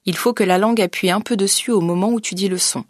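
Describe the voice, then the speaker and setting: A woman narrating a scripted pronunciation lesson as a teacher. She speaks in a clear, methodical way and slows down to model each sound. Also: medium pitch, steady tone, no room sound, clean studio sound. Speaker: language teacher.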